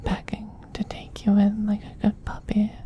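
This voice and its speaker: A man voices a male vampire queen who is tender and possessive, using a slow, breathy, soothing whisper with a gentle dominance for an ASMR roleplay. Sitting high and delivered completely flat, the lightly acted performance feels tender and reassuring.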